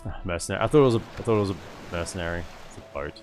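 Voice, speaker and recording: Low-voiced man commentating a strategy game. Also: racing. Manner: thinking aloud, answering viewer comments. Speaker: gaming streamer. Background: game music.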